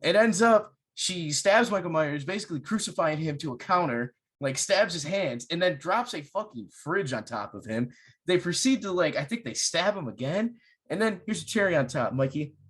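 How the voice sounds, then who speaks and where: A young man with a slightly high-pitched voice rants his way through a horror movie recap on a podcast. He swears freely and tells the plot with animated, exasperated energy in a casual chat style. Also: normal speed, slightly rough. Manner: profane, animated storytelling. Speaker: podcast host.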